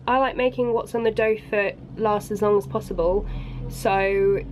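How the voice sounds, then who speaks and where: A beauty vlogger, congested with a cold, chats casually through a makeup review from her bedroom at home by a busy road. She is apologetic and says "um" often, her medium-pitched voice a little mellow and bunged-up, with a little hiss or hum.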